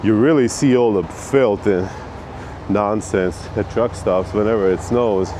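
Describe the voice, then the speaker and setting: Low-voiced trucker, loose and slangy, noisy outdoors. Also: male voice, measured pace. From Bosnia and Herzegovina. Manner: loose, slangy, profane banter. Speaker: truck driver and vlogger. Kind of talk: casual vlog chat. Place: truck stop outdoors and shower room. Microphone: handheld camera.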